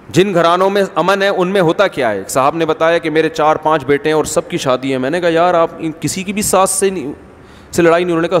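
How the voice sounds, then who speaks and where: Ironic man preaching in a hall. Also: fairly high pitch. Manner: conversational, ironic, full of rhetorical questions. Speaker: religious scholar. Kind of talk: sermon.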